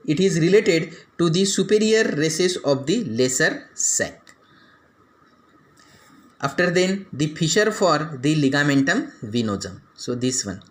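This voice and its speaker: A man with an Indian English accent gives an anatomy lecture. His voice sits a little high, and he walks through each structure in turn, pointing things out and stringing his phrases together with "that is.". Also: very animated, unhurried. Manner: explains step by step, pointing out structures; frequent "that is" and "after then" phrasing.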